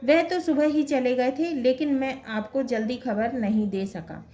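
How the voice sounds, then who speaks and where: A woman voicing a young man who brings news in a hurried, matter-of-fact way. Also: high-pitched, dark tone.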